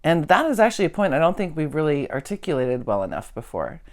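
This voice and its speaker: A woman's voice: low voice, very animated, fast, a little mellow. A woman legal researcher in a casual discussion, talking emphatically and slipping into mock voices when she quotes others.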